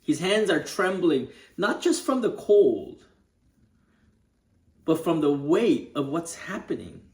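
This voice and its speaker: A male pastor retelling a scripture story as dramatic sermon storytelling, vivid and dropping to hushed tones. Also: a little high, very animated, takes it slowly. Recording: roomy echo.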